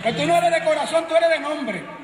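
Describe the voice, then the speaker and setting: Shouting high-voiced Puerto Rican preacher. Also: male voice, fairly quick. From Puerto Rico. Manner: shouting, emphatic, joking with the congregation. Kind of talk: sermon. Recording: echoey room with music and crowd.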